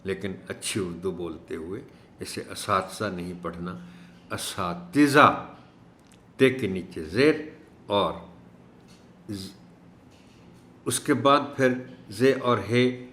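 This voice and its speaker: A man teaching an Urdu lesson for teachers, speaking in a measured way and slowing down to stress each word he corrects. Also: deep voice, a bit bright. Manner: measured, stresses words slowly when correcting pronunciation. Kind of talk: instructional video lesson. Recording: echoey room.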